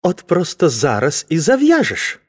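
A woman's voice: sits low, huge pitch swings, measured pace, darkish tone, breathy edge, exaggerated voice. Woman voicing a pleading, hesitant young man. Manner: hesitant, wheedling.

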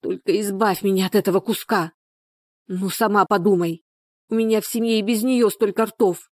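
A woman's voice: medium pitch, fairly even intonation, unhurried, a little mellow, dry recording, clean studio sound, natural voice. Woman voicing a bitter peasant woman in labor. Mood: hot pleading. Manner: moaning, harsh, desperate.

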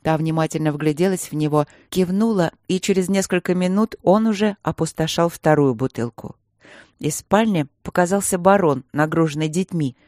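An audiobook narrator reading a fantasy novel in a steady, even way. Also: medium pitch, normal speed, no room sound, clean studio sound. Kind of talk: scripted narration.

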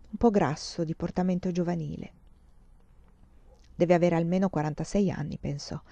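Brief: a woman audiobook reader, measured and expressive, lowish voice, dry close recording. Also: dry recording, highs cut off. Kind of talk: literary audiobook narration.

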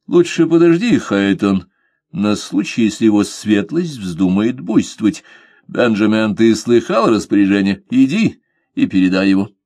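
A man's voice: on the low side, moderate pace, dry recording, studio quality. A man voicing a composed, courteous pirate captain who speaks with cool irony. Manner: calm, courteous, mocking. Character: calm, ironic pirate captain, male adult.

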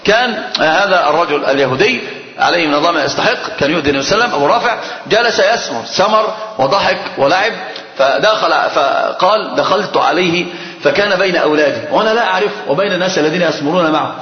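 A man's voice: on the high side, lively intonation, fast. A male scholar teaching a religious class, telling stories with animation and quizzing his students. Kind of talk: religious lesson with storytelling. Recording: echoey hall, dull lo-fi sound.

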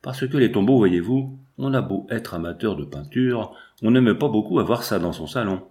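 A man's voice: on the low side, expressive, normal speed, warm tone, lightly acted. A man reading the lines of an opinionated, pompous bourgeois father in an audiobook, speaking emphatically. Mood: emphatic.

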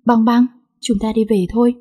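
A woman's voice: a little high, level tone, normal speed, dark tone, husky. A woman voicing a loyal young family aide who speaks steadily and reassuringly. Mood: urgent, steady.

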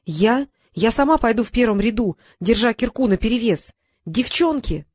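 A woman's voice: mid-range voice, moderate pace, no echo, studio quality, natural voice. A woman voicing a fervent, loyal female gnome who speaks with passion in an audiobook. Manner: fervent, loud.

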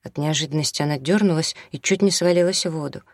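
An audiobook narrator reading prose fiction in a calm, measured way. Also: medium pitch, dry recording, studio quality. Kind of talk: scripted narration.

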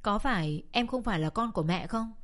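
A woman's voice: medium pitch, lively intonation, fairly quick, close to an everyday voice. A woman voicing a hurt, defiant young girl who pleads and protests in a dramatic audiobook reading.

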